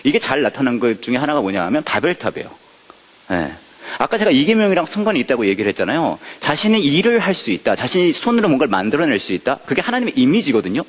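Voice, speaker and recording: A man's voice: medium pitch, fast, big-room sound. A male pastor teaching a Bible study, who keeps asking the audience questions and joking. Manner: lively, asks the audience questions and jokes.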